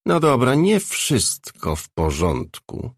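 A man's voice: mid-range voice, wildly swooping pitch, slow, dry recording, clean studio sound, pitched above the performer's own voice, heavily acted. A man voicing a young girl in a storybook reading, earnest and hesitant. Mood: anxious.

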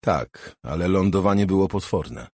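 A hardened, wary hustler who keeps his answers short and guarded, as a man reads him. The voice sits low and husky, recorded dry and close. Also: expressive, moderate pace, darkish tone, no echo.

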